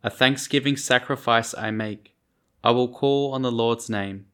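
A man reading scripture and psalm verses formally as a lector at Mass in a church, in measured phrases. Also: medium pitch, steady tone, sharp tone, smooth.

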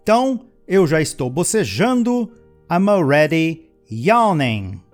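Lively high-voiced man teaching English. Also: faint music behind. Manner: switches between chatty explanations and slow, careful model sentences; playful asides to the learners. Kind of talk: language lesson with repeat-after-me drills.

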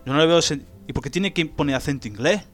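A young man chats on a podcast in a fairly high voice. He is blunt and swears freely as he tells stories, with soft music under his talk. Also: fast talker. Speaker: podcast co-host. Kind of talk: casual chat.

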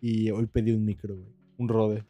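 Give the voice of a young Mexican man with a dark, relaxed tone. He chats casually as on a livestream, full of slang and swearing, with music faintly present. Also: on the low side, moderate pace.

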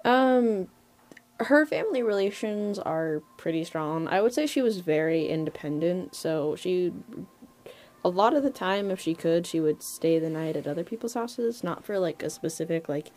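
A woman who does voice acting chats casually about her role, halting and building her thoughts on the fly. She speaks at a normal speed in a lowish, darkish voice with lively intonation.

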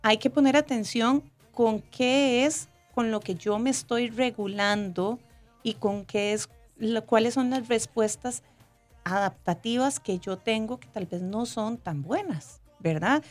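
A woman's voice: a little high, unhurried, faint music behind. A woman, explaining emotional regulation on a talk show and often tagging her sentences with a question. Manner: frequent tag question "¿verdad?", warm explanatory tone. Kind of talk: casual explanatory chat.

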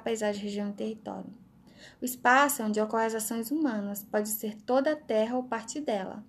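A woman with a Brazilian Portuguese accent, reading her study summaries aloud as word lists and short definitions, one item at a time. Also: on the high side. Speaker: student reading study notes.

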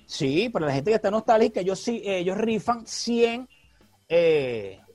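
A man co-hosting a casual chat, talking in a relaxed, slangy way and laughing easily. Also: sits high, measured pace, dry recording, soft background music. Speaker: podcast co-host.

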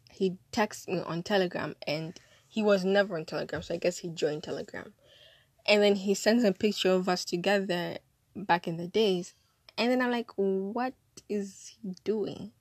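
A woman's voice: medium pitch, unhurried, pauses often, dry recording. A young woman telling a casual storytime, chatty and dramatic, sounding drowsy and hungover. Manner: chatty, dramatic, acts out quotes. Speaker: storyteller vlogger.

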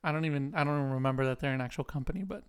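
A young man with a smooth, resonant voice, pitched a touch higher than most men. He chats casually and jokes around with a friend, telling stories with playful exaggeration. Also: racing. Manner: joking, animated storyteller who puts on a squeaky kid voice. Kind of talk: casual chat.

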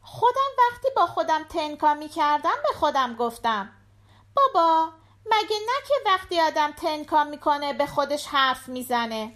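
A woman's voice: high-pitched, expressive, fairly bright tone, voice pushed up. A woman voicing a small, talkative little girl who keeps asking questions in a short-story audiobook. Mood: curious. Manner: chatty, questioning, quick. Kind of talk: audiobook character voice.

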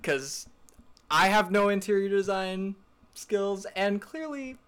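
A man's voice: sits high, lively intonation, slow, a bit bright, clean tone. Early 20s guy, sassy slangy podcast chat, playful and teasing. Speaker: podcast co-host. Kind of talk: casual chat.

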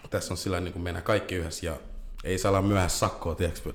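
Low-voiced man in an echoey room. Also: slight background noise. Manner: loose, animated storytelling with English slang. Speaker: band vocalist. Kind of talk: casual interview chat.

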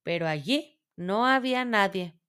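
A woman reading a children's storybook aloud in a gentle, measured way. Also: medium pitch, animated, clear, resonant tone.

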